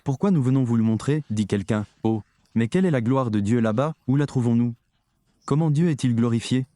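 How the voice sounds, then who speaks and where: Emphatic preacher man, dark mellow voice. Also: medium pitch, a little fast, dry recording. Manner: emphatic, addresses the audience directly. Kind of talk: sermon.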